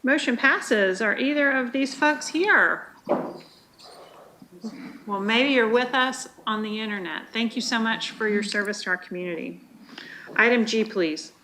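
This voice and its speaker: Brisk woman chairing a council vote. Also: a little high, sharp tone, a little hiss or hum. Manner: brisk, friendly procedural. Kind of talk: chairing a meeting. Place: city council chamber.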